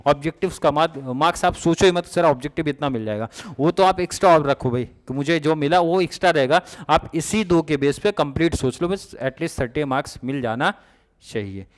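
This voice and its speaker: A young man teaching an exam revision lesson in a casual style, often checking that students have understood. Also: a little high.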